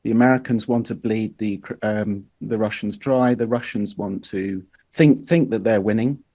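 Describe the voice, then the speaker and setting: A man's voice: lowish voice, moderate pace, dark tone. A man speaking earnestly as an invited speaker on a video call.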